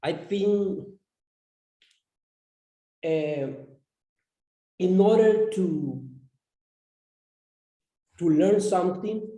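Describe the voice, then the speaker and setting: A man explaining his classroom lesson plan as an English teacher, halting and repeating words as he goes. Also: high-pitched, warm tone. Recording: roomy echo.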